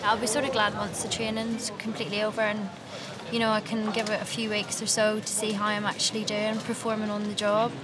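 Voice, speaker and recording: A woman, a trainee with a halting, repetitive way of talking in an informal interview. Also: mid-range voice, monotone. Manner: halting, repeats words. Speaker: trainee airline worker. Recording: loud busy crowd ambience.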